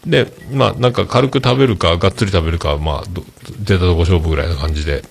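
A man with a who hosts a podcast, telling a story casually and acting out the dialogue with lively energy. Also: deep voice, quick pace, vocal fry, breathy edge. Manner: animated, acts out quoted dialogue. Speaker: podcast host.

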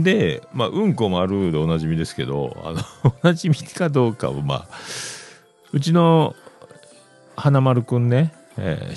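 Deep-voiced middle-aged man hosting a chat show. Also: mellow. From Yamaguchi, Japan. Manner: rambling, chatty, self-amused asides. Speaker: podcast host. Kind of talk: casual solo radio-style chat.

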